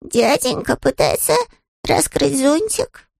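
A man's voice: very high voice, big pitch swings, slow, vocal fry, darkish tone, dry recording, clean studio sound, pitched above the performer's own voice, full character voice. A man voicing a naive, polite young male bear in an audiobook, earnest and innocent in manner. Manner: earnest, innocent, matter-of-fact. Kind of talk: audiobook character voice.

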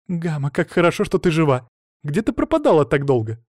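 Brief: male narrator as an excitable young sister, raised pitch, bubbly. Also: fast talker, no room sound, clean studio sound. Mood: excited. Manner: eager, bubbly.

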